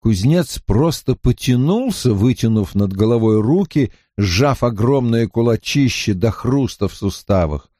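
A male audiobook narrator reading a fantasy novel with lively, animated intonation that rises and falls through each sentence. His pitch sits in the middle for a man. The recording is dry and close, with no room sound. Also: unhurried, hardly any pauses, no echo. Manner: expressive, storytelling delivery.

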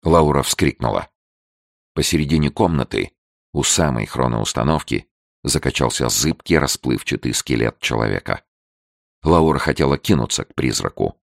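A man reads a story aloud in a very deep voice with heavy gravel in it. His delivery is steady and measured, in a dry, close sound. It is classic audiobook narration. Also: dry recording.

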